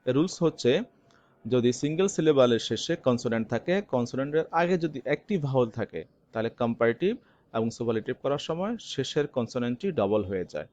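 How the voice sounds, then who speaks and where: Man teaching grammar, lively pitch. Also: no echo. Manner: slow, stressed reading of word forms. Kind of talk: recorded classroom lesson. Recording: dull, lo-fi, dry.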